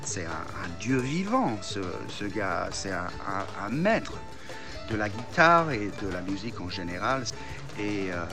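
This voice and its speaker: A man leaves a casual voice message for a radio show. He speaks hesitantly and keeps repeating words. Music plays clearly behind his mid-pitched voice. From United States. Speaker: listener leaving a voice message.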